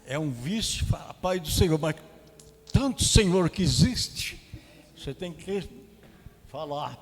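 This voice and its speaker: A male pastor leads the closing prayer in a fervent voice, repeating words of praise between phrases. His voice sits somewhat high. A long church-hall reverb trails every line. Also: expressive, slow, slight background noise. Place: church sanctuary.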